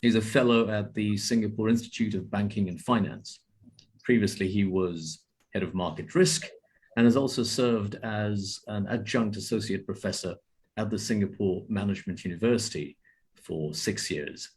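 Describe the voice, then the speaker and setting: Husky-voiced male panel moderator. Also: fairly low pitch, moderate pace, darkish tone. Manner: polite, formal introductions. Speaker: event moderator. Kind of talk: formal moderation of an online panel.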